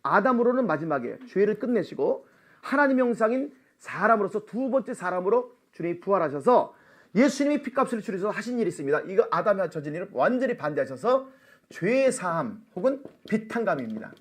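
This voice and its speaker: A middle-aged man preaching at a church seminar, animated and laughing often, calling out for amens. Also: sits high, brisk. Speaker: missionary seminar speaker. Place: church sanctuary.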